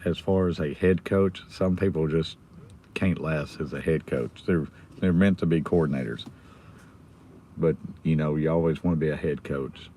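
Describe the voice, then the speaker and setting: A low-voiced American man chats casually to his livestream. His voice is hoarse and almost gone, so he stays subdued and avoids getting loud. He is recorded in a car with some background noise. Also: normal speed. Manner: subdued, holding the volume down. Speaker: livestream host. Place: inside a car in a school pickup line.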